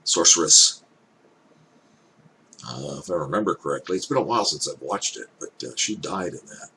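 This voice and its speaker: Older man's deep, elderly-sounding voice, musing. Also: expressive, pushed and bright, poor audio. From Canada. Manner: musing, hesitant, thinks aloud in halting phrases. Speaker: reaction video host. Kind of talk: casual off-the-cuff commentary. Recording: clear background noise.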